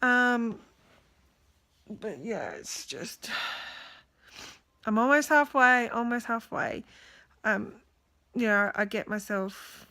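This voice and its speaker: Worn out and on the verge of tears, a young woman talks to the camera in a casual video diary, rambling tiredly and candidly. Her medium-pitched voice sounds pushed and bright, expressive yet slow, with frequent pauses.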